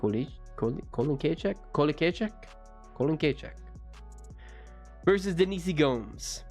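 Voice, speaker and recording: A man's voice: fairly high pitch, expressive, measured pace, a little mellow, soft background music. A young man in his twenties, rambling through casual fight predictions with lots of self-corrections. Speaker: MMA fight previewer.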